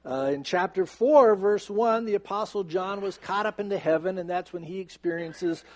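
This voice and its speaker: A pastor in his fifties with a somewhat high voice speaks in a church sanctuary. He moves from relaxed, joking asides to an earnest, steady prayer. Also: moderate pace. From United States. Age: 50s. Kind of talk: sermon and prayer.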